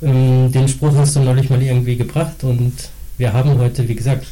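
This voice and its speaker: A middle-aged father co-hosting a casual family podcast, chatty and relaxed, with fillers between his thoughts. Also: mid-range voice, moderate pace, poor audio. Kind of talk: casual chat.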